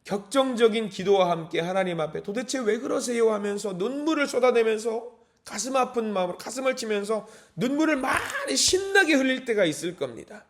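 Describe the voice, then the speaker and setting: A high-voiced man preaches an early-morning sermon in a church. He drops to hushed, slow phrases, then rises to impassioned calls. The pitch sits well above most men's. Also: expressive. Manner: impassioned, swings from hushed to crying out. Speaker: pastor. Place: church sanctuary.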